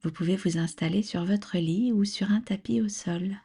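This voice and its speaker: A yoga nidra instructor guides a relaxation meditation in a mid-range voice. Her delivery is soft, soothing and breathy, and her instructions are measured and gentle.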